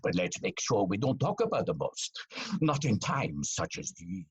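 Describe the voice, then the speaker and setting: A pompous airline captain, played by a man, booms over the intercom in a comic audio play, his husky voice swooping wildly up and down as he preens. Every phrase lands with grand self-importance and a sly wink. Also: wildly swooping pitch, moderate pace, heavily acted, rough recording. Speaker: actor in an amateur audio play. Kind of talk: comic audio drama acting.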